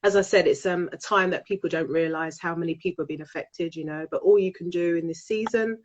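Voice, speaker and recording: Nasal and stuffed up from a cold, a British woman speaks briskly in a lowish voice while hosting a casual live chat interview on a video call. She is effusive and repeats phrases often, and the audio is dull with slight background noise.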